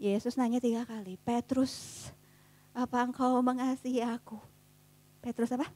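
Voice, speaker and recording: High-voiced woman preaching casual youth sermon. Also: fairly even intonation, normal speed. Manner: casual slangy preaching, swings between soft and fervent. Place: church youth service.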